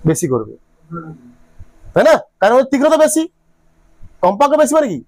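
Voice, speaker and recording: A man lectures a physics class, repeating his questions to the students and often checking that they're following. His very high-pitched voice has a darkish tone and huge pitch swings, and he speaks briskly with no echo.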